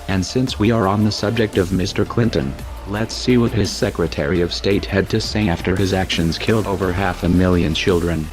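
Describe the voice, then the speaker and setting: A man speaking through a disguised deep voice, reading a cold, measured, menacing scripted statement. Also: soft background music.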